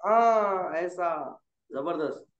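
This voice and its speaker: A high-pitched man tutors Quran reading, drawing out each letter and coaxing his student along. His voice sounds roomy and a little dull, like a lo-fi call. He corrects gently and repeats until it sticks. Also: extremely slow. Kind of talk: patient tutoring over a call.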